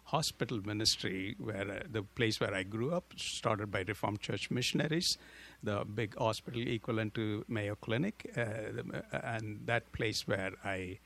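A middle-aged man with an Indian accent, a pastor speaking as a radio interview guest in an earnest, hesitant way with many pauses. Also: fairly low pitch, creaky, a bit bright. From southern India.

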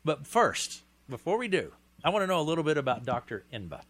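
A man's voice: fairly high pitch, sing-song, quick pace, fairly bright tone. A man hosting a radio interview in a friendly, joking manner, asking guests about themselves. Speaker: radio host.

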